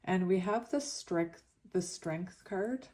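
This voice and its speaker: A woman's voice: on the low side, slow, mellow. A woman with a slushy lisp from a retainer, giving a casual, meandering tarot reading in an informal, reflective way. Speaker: tarot reader.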